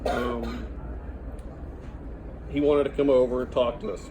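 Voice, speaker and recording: A middle-aged man giving an informal father of the bride speech, halting and conversational, with a joking delivery. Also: medium pitch, little pitch movement. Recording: noisy room with loud audience chatter and laughter.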